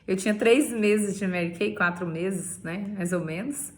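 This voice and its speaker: A woman's voice: medium pitch, measured pace. A Brazilian woman telling her sales career story in a playful way, laughing often and tagging lines with "né?". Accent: Brazilian Portuguese. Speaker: beauty sales director. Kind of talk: personal testimony vlog.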